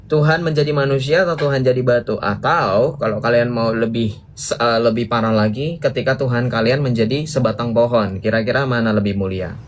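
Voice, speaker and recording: A man at a middle pitch delivers a polemical religious monologue straight to his viewers. He is combative and mocking, throwing out rhetorical challenges and chuckling at his own digs. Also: brisk, background noise. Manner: challenges listeners with rhetorical questions. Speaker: religious teacher.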